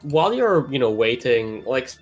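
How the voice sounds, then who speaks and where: A male game master speaks in halting, filler-heavy bits over an online call. His audio stutters and cuts out as the connection buffers, so only scraps of words get through. His voice sits at an ordinary middle pitch, with faint music playing behind. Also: big pitch swings. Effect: choppy audio dropping out from a bad connection.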